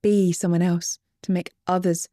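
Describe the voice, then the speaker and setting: A woman relationship coach talking as an interview guest, earnest and teaching, sometimes dropping to a soft, whispery emphasis. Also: fairly low pitch, flat delivery, normal speed, dry recording, studio quality.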